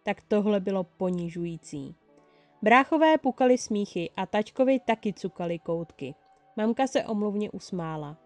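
A woman reading a fan story aloud in the first person, telling it in a lively way. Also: medium pitch, soft background music. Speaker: fan-fiction reader.

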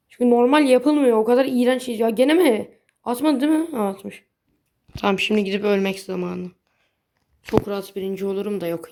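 A young woman chatting casually while playing a mobile game, blunt and easily frustrated, swearing lightly at her bad luck. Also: medium pitch. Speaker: gaming video creator. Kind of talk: casual gameplay commentary.

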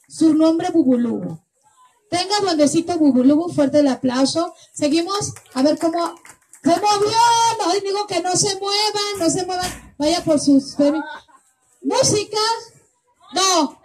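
A woman with a Mexican accent hosting party games for children as a clown, playful and joking, often shouting commands. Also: high voice, a little hiss or hum, poor audio.

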